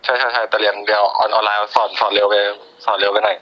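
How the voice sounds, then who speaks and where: เด็กผู้ชายเสียงทุ้ม สดใส ผ่านสายโทรศัพท์. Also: male voice, on the low side, level tone, rapid-fire, pushed and bright, highs cut off, faint music behind. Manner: hesitant, stammering. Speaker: friend on the call. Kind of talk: casual phone chat.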